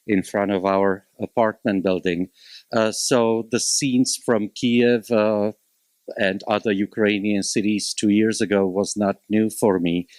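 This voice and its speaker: A Slovak man in his fifties, with a Slovak accent and a fairly low voice, sits on a public policy forum panel as a representative of a local college. He speaks in a measured, emphatic way with frequent hesitations, captured in a dry recording.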